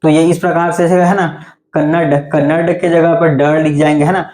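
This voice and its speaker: A man's voice: a little high, little pitch movement, moderate pace, darkish tone. Male hindi teacher, patient step by step explaining, keeps checking in with the class. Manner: explains patiently, often says "theek hai" to check in. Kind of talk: online class lecture.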